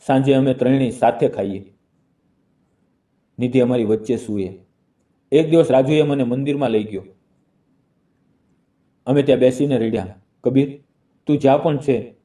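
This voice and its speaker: Dark, mellow male storyteller. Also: medium pitch, distant mic. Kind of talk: scripted emotional narration.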